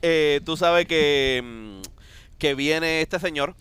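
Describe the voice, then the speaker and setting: A man co-hosting a casual podcast, telling jokes in a halting way, often stopping and restarting. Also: on the high side, a bit bright, clear, resonant tone, dry recording. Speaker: podcast co-host.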